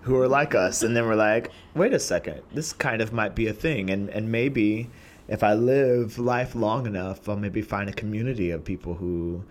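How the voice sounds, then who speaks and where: A young man earnestly telling a personal story about growing up and joining a singing community, reflective and unhurried. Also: on the low side. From Portland, USA. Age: young adult. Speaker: singer telling his story.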